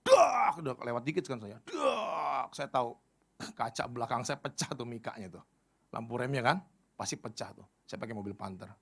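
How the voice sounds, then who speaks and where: A middle-aged male pastor giving a casual youth sermon, animated and full of colloquial slang, jumping from loud appeals to quiet stories. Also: medium pitch, a little fast, husky. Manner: animated, swings from loud pleas to quiet asides; storytelling with colloquial Jakarta slang.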